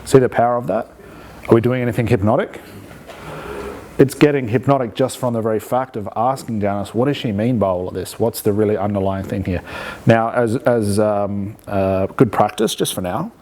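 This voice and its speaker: A man's voice: fairly low pitch, a little mellow. A man teaching hypnosis in a live demonstration, explaining conversationally and checking in with rhetorical questions. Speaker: hypnosis instructor.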